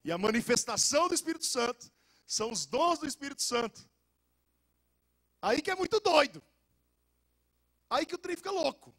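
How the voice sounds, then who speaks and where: A young adult man, a pastor with a Goiás accent, preaching a lively sermon full of jokes, stories and casual slang. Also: very high voice, normal speed, long pauses. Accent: Goiás Brazilian Portuguese. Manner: animated and joking, with casual slang.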